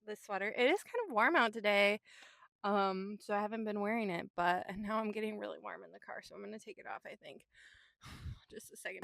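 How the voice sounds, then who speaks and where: A woman's voice: medium pitch, a bit bright, no echo. A young woman vlogging from her car, talking in a rambling, candid way and swearing casually. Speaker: vlogger and artist. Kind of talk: casual chatty vlog. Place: inside a parked car.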